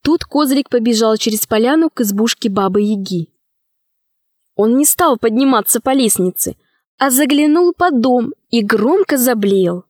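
A woman narrating an audiobook in a clear, lively reading. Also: fairly high pitch, moderate pace, dry recording, clean studio sound.

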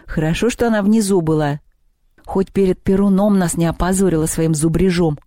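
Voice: medium pitch, steady tone, fairly quick, mellow, dry recording, clean studio sound, close to an everyday voice. A storyteller voicing a cheeky, lazy schoolboy who speaks scornfully and rudely. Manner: scornful, rude.

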